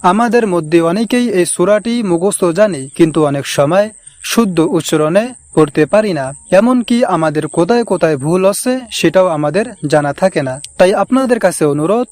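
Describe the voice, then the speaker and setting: A man teaching Quran recitation, talking to viewers and then slowly reciting and repeating each verse for them to practice. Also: sits high, lively intonation, darkish tone. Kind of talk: slow recitation lesson.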